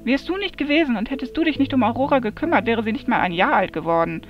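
A woman's voice: fairly high pitch, brisk, natural voice. A woman reading the part of a grumpy, loyal male raven in human form, muttering and grumbling in a fantasy audiobook. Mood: agitated. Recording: dull lo-fi recording, soft music behind.

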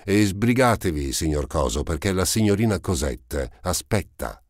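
A man's voice: sits low, very animated, normal speed, no room sound, studio quality, pitched above the performer's own voice. A man voicing a cheeky street-urchin boy with brash, teasing retorts in an audiobook. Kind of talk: audiobook character voice.

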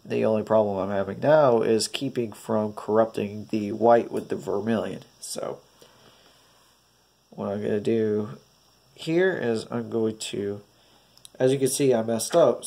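A man's voice: lowish voice, steady tone, measured pace, vocal fry, mellow. A man with a nasal, stuffy voice, hesitantly talking through a DIY painting tutorial step by step and hoping it turns out well. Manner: hesitant, hopeful, talks through each step. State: stuffy, congested. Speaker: craft tutorial host.

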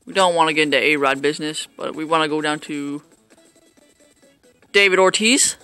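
A man's voice: fairly high pitch, moderate pace, bright, forceful tone, smooth, soft background music. A man casually commentating his own baseball video game play, rambling and joking at himself with lots of fillers. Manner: rambling, self-mocking, hesitant with fillers. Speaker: gameplay commentator.

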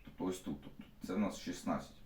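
Teacher, male, young adult, low voice. Explains problems step by step. Recorded from a distance in an echoey classroom. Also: fast. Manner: stops often to restate steps with fillers. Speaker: math teacher. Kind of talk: explaining math problems to students. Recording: echoey room, mic at a distance.

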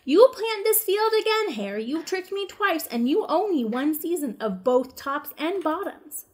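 A woman's voice: high-pitched, big pitch swings, unhurried, pitched above the performer's own voice. A woman voicing a sleepy, grumpy male bear in a children's story who complains indignantly. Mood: aggrieved.

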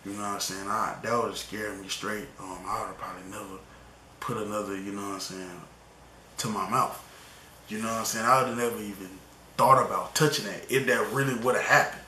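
A man's voice: on the low side, steady tone, fairly quick, a little hiss or hum. A young man rambling through a storytime vlog in casual slang, often tagging on "you know what I'm saying". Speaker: vlogger telling a story. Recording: echoey room with loud music behind.

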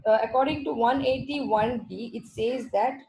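Over a video call, a woman with a South Indian accent teaches an online class from slides, repeating and rephrasing her points and leaning on check words. Her voice is a little high and somewhat mellow, at a normal speed, and the recording is rough.

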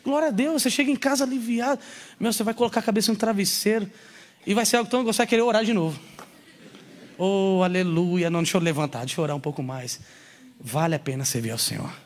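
A man preaching to a congregation at a youth service. He is animated and slangy, joking and acting out little scenes as he preaches. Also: sits high, quick pace. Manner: slangy, casual street talk. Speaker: pastor. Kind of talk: sermon at a youth church service.

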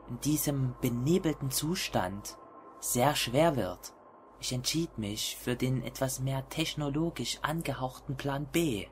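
A man voicing a deranged narrator of a horror tale in a hushed, creeping delivery. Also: medium pitch, slight background noise, close to an everyday voice. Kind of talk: scripted first-person horror narration.

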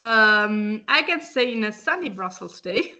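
Woman in her thirties from Italy, slow careful speech, bright tense voice, video call guest. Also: mid-range voice, expressive. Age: 30s. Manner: slow, earnest, laughs between phrases. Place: indoors at home by a window.

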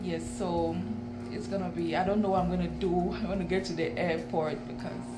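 Speaking to the camera indoors at home, this lifestyle vlogger, a woman in her thirties and new mother, addresses her viewers as "guys" in an emotional, talkative way. Her voice is lowish, flat, and fairly quick, set against loud background music in a rough recording.

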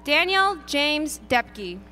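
A woman reading graduates' names at an outdoor graduation ceremony, announcing each one deliberately. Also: high voice, big pitch swings, pushed and bright, slight background noise. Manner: deliberate, lilting name announcing. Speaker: graduation name reader. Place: outdoor stadium ceremony over PA.

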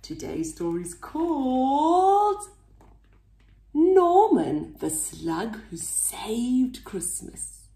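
A woman reading a picture book aloud to children in an expressive, sing-song way. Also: sits high, very slow, gravelly, reverberant. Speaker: children's story reader.

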